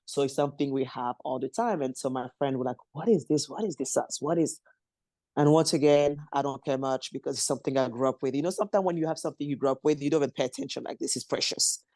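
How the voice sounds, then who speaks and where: A woman from Congo talks through her story as a podcast guest, in a mellow, warm voice recorded close and dry. Her English is loose and non-native, and she laughs often. She slips into lively voices to act out the people she quotes. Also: very deep voice, quick pace, no echo. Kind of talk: conversational interview.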